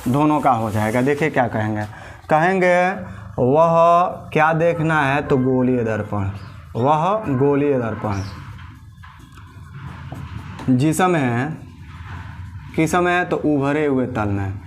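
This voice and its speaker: A man's voice: mid-range voice, lively intonation, slow pace, pauses often, soft background music. A man teaching a physics lesson, drilling a definition step by step and answering his own questions. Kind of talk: classroom lecture.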